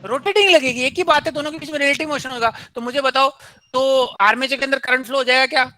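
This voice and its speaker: A man's voice: extremely high pitch, fairly even intonation, fast talker, pushed and bright, poor audio. A man giving a classroom engineering lecture, posing questions to students and answering them himself, mixing in English technical terms.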